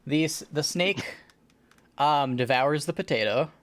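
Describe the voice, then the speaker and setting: Man, game master, tabletop role-playing narration, halting descriptive storytelling. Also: a little high.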